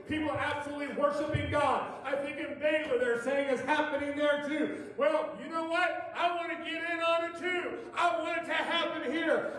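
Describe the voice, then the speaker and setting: Middle-aged pastor, high ringing voice, fiery revival preaching, heard from afar in a booming sanctuary. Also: male voice. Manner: preaching with rising shouts and playful asides. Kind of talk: revival sermon. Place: church sanctuary, preaching from a pulpit. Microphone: far camera at the back of the sanctuary. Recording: echoey church from far off.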